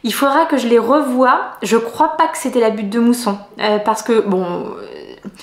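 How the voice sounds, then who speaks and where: A middle-aged woman from France chatting in a casual knitting vlog, rambling with many hesitations and soft laughs. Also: a little high, normal speed, echoey room. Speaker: knitting vlogger.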